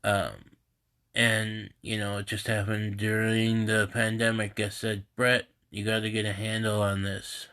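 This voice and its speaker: A man with a lowish voice that still sounds bright and forward, stuffed up and congested. He talks slowly in a halting, rambling way, with a lot of restarts. It is a casual live stream recorded on a phone at home. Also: completely flat delivery. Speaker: host of a live group stream. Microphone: phone camera.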